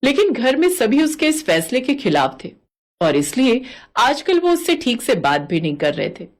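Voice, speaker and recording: A woman's voice: on the high side, very animated, normal speed. A woman narrating a family cartoon story in a plain storytelling manner.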